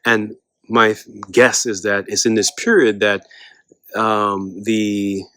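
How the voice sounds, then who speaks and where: A man's voice: fairly low pitch, flat delivery, takes it slowly, pushed and bright, no room sound. A man hosting an educational channel, explaining history in a lecture style with frequent rhetorical questions and fillers.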